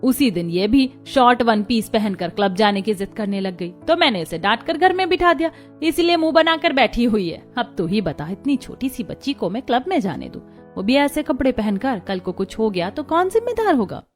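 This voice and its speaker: A woman's voice: on the high side, big pitch swings, moderate pace, faint music behind. A woman voicing a strict but caring middle-aged mother-in-law in a cartoon, with a commanding, scolding manner. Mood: explaining.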